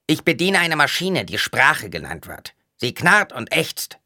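Storybook dwarf, impish and mocking, squawky bright voice, done by a male reader. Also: mid-range voice, very animated, a little slow, dry recording, clean studio sound, pitched above the performer's own voice, full character voice. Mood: mocking riddles. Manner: playful, riddling, mocking.

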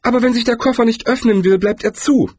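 A man voicing a mild, hesitant male tourist in an audiobook, pitched high above his own voice. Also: fast talker, a little mellow, dry recording. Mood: nervous patience. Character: patient, timid male tourist.

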